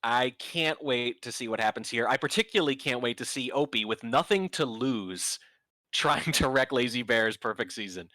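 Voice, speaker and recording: A man's voice: medium pitch, moderate pace, sharp tone, dry recording. A man co-casting a video game match, chatty and sarcastic, joking as he breaks down the players. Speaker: co-caster. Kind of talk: esports commentary.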